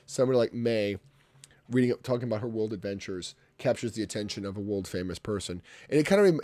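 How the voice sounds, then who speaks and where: This painter and livestreamer has a congested, medium-pitched voice with a darkish tone. Working on a painting in his home studio, he rambles chattily to his live chat, full of restarts and side comments aimed at the chat.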